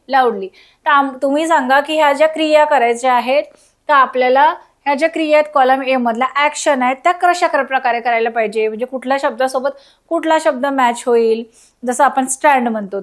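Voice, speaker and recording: A woman teaching a recorded school lesson, spelling words out letter by letter and asking children questions. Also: high voice.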